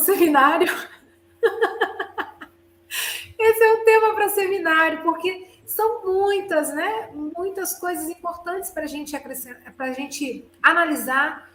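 A woman's voice: very high voice, takes it slowly, a bit bright. A woman hosting a talk, reflecting in a conversational manner with frequent tag questions. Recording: roomy recording with faint hum.

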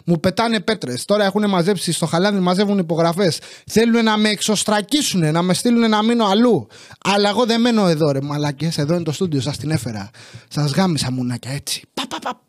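A young man with a Greek accent and a high voice, ranting through a comic podcast monologue. He grumbles and swears sarcastically. The studio sound is dry and close, with no room echo. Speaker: podcast host. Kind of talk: comic monologue, casual rant.

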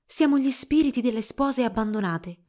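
A woman's voice: on the high side, expressive, moderate pace, a little mellow, close to an everyday voice. A chorus of vengeful ghostly brides chanting in a solemn way, as a woman reading the story puts them on. A grim fairy-tale spirit chorus.

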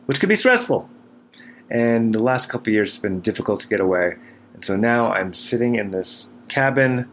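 Low-voiced man rambling, noisy cabin recording. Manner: self-deprecating, dryly wry. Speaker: podcast host. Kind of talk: casual rambling solo podcast monologue. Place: small cabin kitchen in the mountains. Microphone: recording into a computer.

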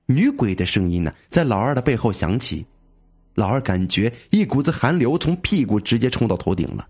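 Husky, lively male storyteller. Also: medium pitch, fairly quick. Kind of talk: comic ghost story narration.

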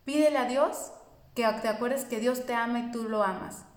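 Woman giving a spiritual talk, kinda high voice, roomy echo, earnest and reassuring. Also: moderate pace. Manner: warm, earnest, reassuring, speaks directly to listeners. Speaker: spiritual course teacher.

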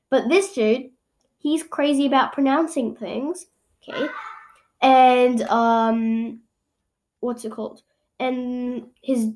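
A woman hosting a casual home podcast, rambling and correcting herself as she goes. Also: high voice. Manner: rambling, chatty, with frequent self-corrections. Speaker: podcast host. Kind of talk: casual solo podcast chat. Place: home room.

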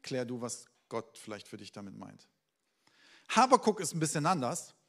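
German pastor preaching with dramatic swings. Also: male voice, medium pitch, very animated, moderate pace, creaky. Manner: dynamic preaching, swinging between loud outcries and quiet, hushed asides; addresses the congregation directly with questions. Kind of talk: sermon.

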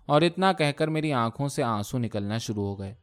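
A man's voice: mid-range voice, expressive, clear, resonant tone, close to an everyday voice. A man doing a tearful, scolding young bride. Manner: impassioned, scolding pleas. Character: young bride, emotional and sharp-tongued.

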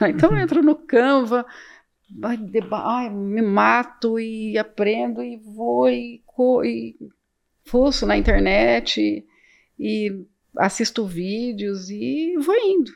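A woman's voice: on the high side, slow pace, creaky. A woman in her late fifties with a Brazilian accent from the São Paulo interior, a business owner telling her story as a podcast guest, chatty and repeating words as she acts out old conversations. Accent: Brazilian Portuguese, São Paulo interior. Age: 50s. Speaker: real estate agency owner, podcast guest.

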